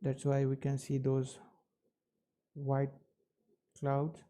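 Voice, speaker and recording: A man giving live technical commentary as a launch webcast host, with halting, measured phrasing. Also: medium pitch, completely flat delivery, warm tone, slight background noise.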